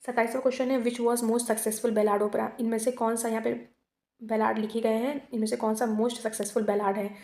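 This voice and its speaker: A woman teacher works through exam multiple-choice questions, reading each one out slowly in English and then switching to quick Hindi explanations. Her voice sits fairly high and stays flat, with little rise and fall. The room gives it a noticeable echo. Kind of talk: exam quiz lesson.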